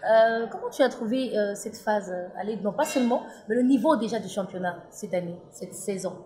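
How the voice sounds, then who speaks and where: A woman's voice: mid-range voice, fairly quick, dark tone. A woman conducting a casual sports interview in a playful, teasing way.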